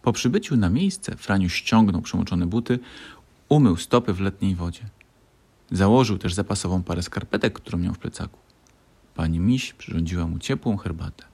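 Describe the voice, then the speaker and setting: A man narrating a children's bedtime story in a calm, expressive reading voice. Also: deep voice, moderate pace, slightly rough.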